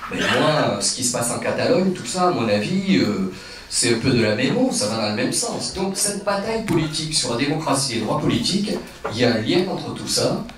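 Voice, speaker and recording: A man speaks off the cuff at a political meeting in a very echoey room. His pitch moves widely as he makes his points into a handheld microphone, and the recording sounds a little distant. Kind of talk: impromptu political speech. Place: indoor meeting hall. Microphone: handheld microphone, seated.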